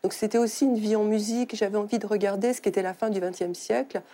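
Middle-aged woman, novelist guest; mellow, unhurried, searching for words. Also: mid-range voice, fairly even intonation. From Algeria. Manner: thoughtful, halting with many fillers. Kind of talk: studio talk show conversation.

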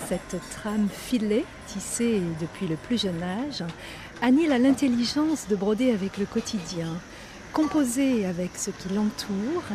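A woman reporter reading a scripted documentary narration in a measured, lyrical way. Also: a little high, noisy background.

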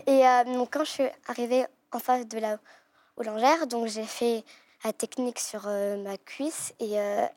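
A young girl with a fairly high voice, speaking in halting phrases with frequent restarts. She is a guest describing her own experience. The sound is close and dry. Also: fairly even intonation, darkish tone, dry recording. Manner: hesitant, with many restarts. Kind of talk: casual chat.

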